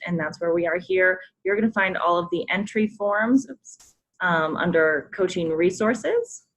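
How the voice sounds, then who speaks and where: With a fairly low-pitched voice and poor audio, a woman from a sports program staff leads a coach conference call. She talks through forms on screen in a friendly instructional briefing, using lots of ums and polite reminders.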